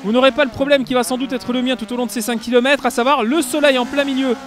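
A young man giving lively, jokey play-by-play commentary on his own rally racing game run as a gaming video host. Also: extremely high pitch, fast talker. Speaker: gaming YouTuber.

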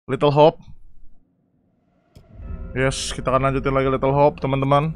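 A young man casually commentating a horror game live, chatty and excitable, reading chat and yelling at scares. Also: medium pitch, normal speed, faint music behind. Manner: excitable, chatty, reacts loudly to scares and reads chat aloud. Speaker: gaming streamer.

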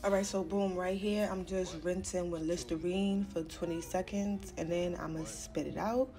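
A woman's voice: on the low side, steady tone, normal speed. A young woman chatting casually to her vlog, slangy, playful and blunt. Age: young adult. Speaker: vlogger. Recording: music laid under the voice.

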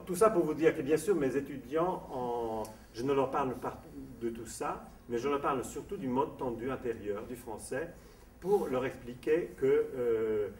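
Recorded from a distance in an echoey summer school lecture room with faint background noise, this academic talk on diction comes from a Sardinian voice and diction teacher. A native speaker of Sardinian and Italian, he uses a slightly mellow mid-range voice, explaining step by step and reading out definitions between his asides.

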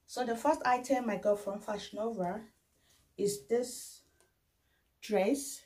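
A woman's voice: fairly high pitch, a little mellow, rough recording. A woman in her thirties hosting a casual try-on haul vlog at home, talking unhurriedly with many fillers. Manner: unhurried, halting, with frequent fillers. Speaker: vlogger. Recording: faint background noise.

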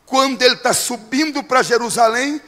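A Brazilian man preaching a sermon as pastor, telling a story and building to shouted preaching. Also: very high voice, normal speed, long reverb tail. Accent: Brazilian Portuguese.

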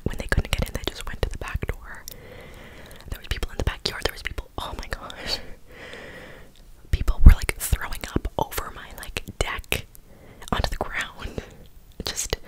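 A woman in her twenties whispering breathily through cupped hands close to the microphone, telling a casual, rambling ASMR story. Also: rough recording. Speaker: ASMR video creator. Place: small bedroom, indoors. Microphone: close desktop condenser microphone.

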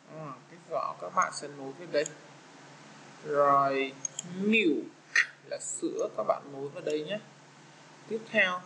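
A man with a Vietnamese accent teaching young children English, patiently walking through an exam and repeating each word slowly. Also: a little high, gravelly, pushed and bright, a little hiss or hum, low-quality recording.

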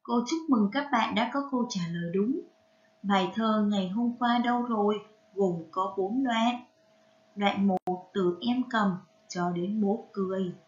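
Slow, careful teacher woman, Vietnamese accent. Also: medium pitch, lo-fi sound. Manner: careful spelling-out of syllables, gentle encouraging prompts. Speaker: primary school teacher. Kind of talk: slow, clear reading lesson for young children.

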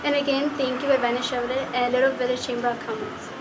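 High, even-toned young woman, slightly distant. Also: fast, background noise. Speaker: scholarship student. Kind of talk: to-camera testimonial.

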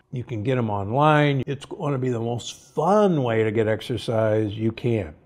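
An older man hosting a podcast, reading health advice from cue cards in a studio with a lapel mic. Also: mid-range voice. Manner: lively, upbeat, reads from cue cards. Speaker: podcast host and doctor. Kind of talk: scripted health advice monologue. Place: studio set with armchair and bookshelf.

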